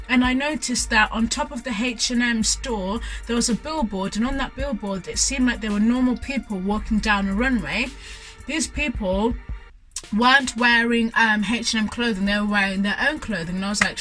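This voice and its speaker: A woman's voice: fairly high pitch, a bit bright, low-quality recording. Gushing young woman. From Zimbabwe. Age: young adult. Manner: gushing, enthusiastic, lots of fillers. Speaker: student vlogger. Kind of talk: casual vlog storytelling.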